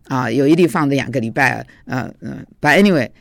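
A man's voice: mid-range voice, fast, gravelly, a bit bright, no room sound, clean studio sound. A man who teaches at a seminary and preaches, giving an informal devotional talk in a confessional storytelling way with frequent hesitations.

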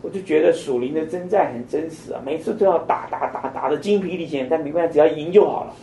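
A man's voice: a little high, fast, mellow, slight background noise. An older man teaching a conversational Bible study, asking his listeners many questions. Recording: echoey room, mic at a distance.

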